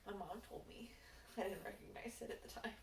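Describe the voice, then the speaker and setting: A woman talking casually and personally in a halting, informal way, peppering her speech with "like". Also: medium pitch. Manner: informal, halting, filler-heavy with frequent "like". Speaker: co-host of a casual Q&A video. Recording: roomy echo, distant mic, faint noise.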